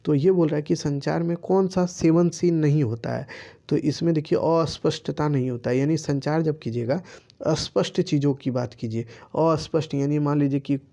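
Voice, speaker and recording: A man's voice: on the high side, moderate pace, gravelly, dark tone. A man teaching students, patiently walking through quiz answers and asking himself rhetorical questions before giving each answer.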